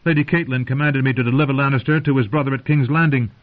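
A man's voice: mid-range voice, fairly even intonation, fast, voice pushed up, natural voice. A man voicing an earnest, stubborn woman knight. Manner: earnest, insistent. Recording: dull lo-fi audio.

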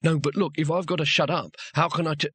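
A man voicing a cowardly wizard who makes nervous, hurried excuses in close to his own voice. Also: on the high side, steady tone, a bit bright, husky, no room sound.

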